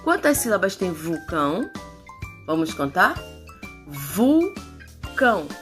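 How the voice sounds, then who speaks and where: A middle-aged woman teaching young children how to sound out syllables. She talks at an unhurried pace and stretches each sound so the class can follow along. Soft music plays faintly in the background. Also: mid-range voice. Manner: slow, drawn-out syllables, animated coaxing. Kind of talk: children's phonics lesson.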